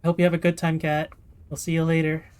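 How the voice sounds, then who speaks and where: A man's voice: a little high, completely flat delivery, fast talker, a little mellow, smooth. A man live-streaming in casual chat, upbeat and chatty, thanking viewers by name.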